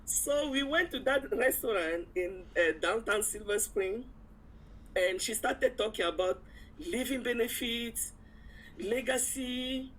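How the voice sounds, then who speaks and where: A woman's voice: fairly high pitch, a little hiss or hum, low-quality recording. A woman guest in an interview, telling a personal story casually and acting out the dialogue as she goes. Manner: animated retelling with acted-out quotes and frequent chuckles.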